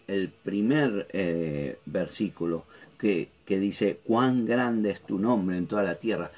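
Brief: man leading a Bible study, low voice, unhurried, halting with fillers, keeps checking in with his listeners. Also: a little mellow. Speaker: Bible teacher.

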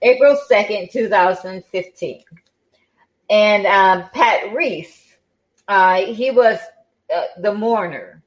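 A woman's voice: medium pitch, slow pace, poor audio. A woman hosting a podcast in casual chat, tired and yawning, with many fillers and restarts. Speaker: podcast host.

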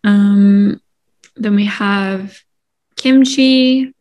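A woman's voice: mid-range voice, fairly even intonation, extremely slow, darkish tone. A young woman co-hosting a podcast in casual chat, talking in a chatty way with many "like" and "um" fillers. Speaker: podcast co-host.

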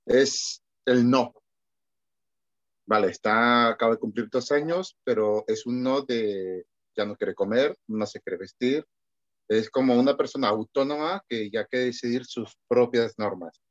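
A man's voice: mid-range voice, unhurried, no room sound. Man on a dull video call. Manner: animated, exasperated storytelling. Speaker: parent participant. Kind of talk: casual question in a talk.

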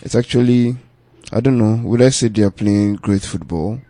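A man's voice: fairly low pitch, normal speed, dark tone. A man hosting a casual sports podcast, emphatic and given to repeating words. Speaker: podcast host leading the discussion.

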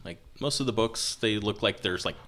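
A man narrating a tabletop role-playing game as game master, telling the scene in a relaxed way with many fillers. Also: on the low side, moderate pace.

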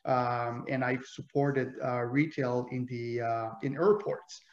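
French Canadian man, halting and level in tone, heard over an echoey lo-fi remote line. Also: mid-range voice, little pitch movement. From Quebec, Canada. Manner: hesitant, many fillers. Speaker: guest. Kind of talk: casual interview. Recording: roomy, dull lo-fi remote audio.

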